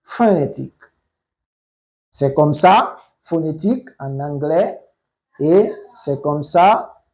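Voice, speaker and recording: Slow, mellow English teacher. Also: mid-range voice, poor audio. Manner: slow and deliberate, repeats words for pronunciation. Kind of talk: slow spoken language lesson.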